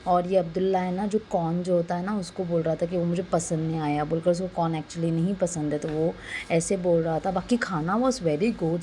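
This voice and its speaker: A young woman gives a chatty voice-over for her vlog about a family outing, mixing in English words. Her voice is soft, mellow, and a little low, but sore and slightly hoarse, with faint noise in the background.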